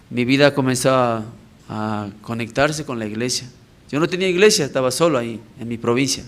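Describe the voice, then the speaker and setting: Male evangelist, church prayer service, conversational testimony, keeps checking in with listeners. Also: medium pitch. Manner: conversational, with frequent tag questions to the congregation.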